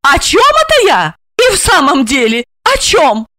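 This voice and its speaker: A woman voicing a fiery young housewife heroine in an audiobook, loud, sarcastic and high-pitched. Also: very animated, moderate pace, dry recording, exaggerated voice. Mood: indignant, mocking. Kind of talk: audiobook character voice.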